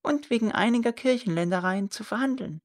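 A woman voicing an evasive, motherly old woman in a storybook reading, in a high, thin, wavering voice. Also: brisk, close to an everyday voice.

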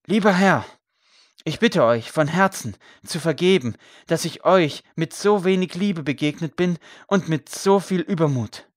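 A man voicing a gaunt condemned priest who preaches loudly to a crowd. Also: on the high side, no echo, clean studio sound, pitched above the performer's own voice. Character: gaunt condemned male priest, fervent and forgiving.

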